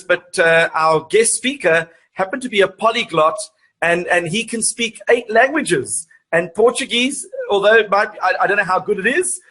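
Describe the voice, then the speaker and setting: A man's voice: sits high, bright, forceful tone, breathy edge. A man hosting a live interview, hesitant and repeating words as he asks questions.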